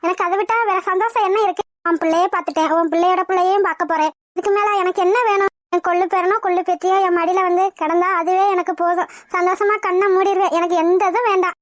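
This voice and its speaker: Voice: extremely high pitch, steady tone, fast talker, hardly any pauses, fairly bright tone, no room sound, studio quality. A tender elderly grandmother. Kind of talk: cartoon voice acting.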